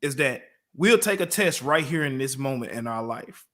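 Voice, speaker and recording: A man co-hosting a motivational talk show, telling everyday stories and acting out quotes with lively energy. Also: medium pitch, moderate pace. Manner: storytelling with lively acted-out quotes. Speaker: co-host.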